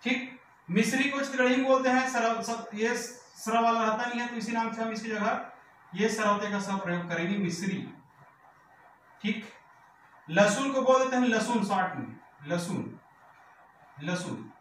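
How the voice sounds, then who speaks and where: A male teacher giving an exam-prep vocabulary lesson, repeating each word with a question and often asking if it is clear. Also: very high-pitched, normal speed, a bit bright, slight background noise. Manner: repeats words with rhetorical questions, checks "clear?". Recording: very echoey room, voice from far off.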